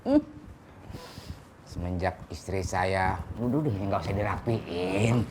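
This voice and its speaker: A man's voice: deep voice, slow pace, noisy background. A man playing a bossy boss getting a massage, talking in a lazy drawl. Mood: drowsy.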